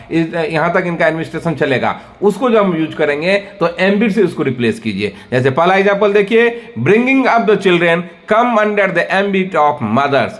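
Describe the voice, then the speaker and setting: A man explains English words in Hindi during a vocabulary lesson. He works through example sentences one at a time, patiently and plainly. His voice sits a little higher than most men's. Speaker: English teacher.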